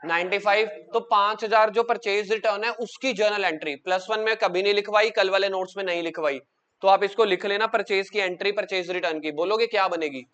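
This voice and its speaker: A man teaching an accounts class, drilling students with quick questions and coaxing answers from them. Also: high voice, fairly bright tone, smooth. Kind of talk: classroom lecture.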